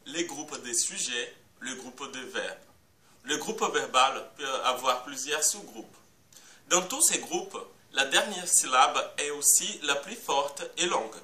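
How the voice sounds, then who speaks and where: A man teaches French phonetics and breaks words into syllables one at a time. He talks very slowly in a bright, somewhat high voice. The sound is roomy and a little distant, with faint background hiss. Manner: slow, careful explanation with spelled-out syllables. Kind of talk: phonetics lesson. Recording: echoey room, a bit far from the mic.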